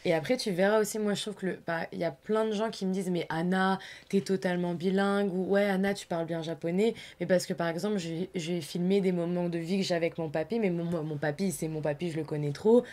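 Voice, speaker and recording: A woman from France hosting a podcast in a casual interview chat, full of quick agreeing backchannels. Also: fairly low pitch, steady tone, a little mellow. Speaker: podcast host.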